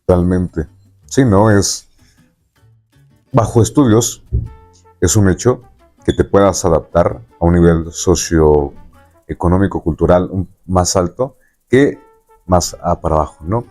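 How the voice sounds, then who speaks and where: A man with a deep, warm voice and a Mexican accent talks slowly, with long pauses, as he hosts a podcast interview. His conversational style rambles, and he often checks in with tag questions. Faint music sits behind him.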